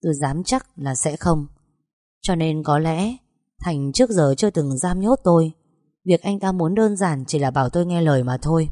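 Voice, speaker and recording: A woman narrating a first-person audiobook in a calm, even storytelling manner, on a close microphone. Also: low voice, moderate pace, no echo.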